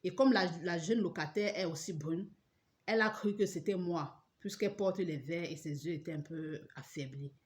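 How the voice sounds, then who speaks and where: A woman's voice: lowish voice, moderate pace. A woman giving an emotional personal religious testimony, storytelling and acting out the voices in it. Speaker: testimony speaker.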